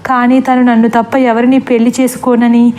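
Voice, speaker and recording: A woman's voice: fairly high pitch, little pitch movement, normal speed, mellow, natural voice. A woman voicing a guilty young man who begs his parents tearfully, in a storybook reading. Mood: pleading. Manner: tearful, pleading.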